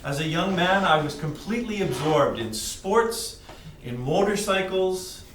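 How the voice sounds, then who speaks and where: Male testimony speaker, Western Canadian accent, unhurried short phrases, slightly high voice, roomy distant sound. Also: expressive, fairly bright tone. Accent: Western Canadian English. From British Columbia, Canada. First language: English. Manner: pauses between short, plain phrases. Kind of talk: personal testimony told in short phrases for translation. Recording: distant mic in echoey room, faint noise.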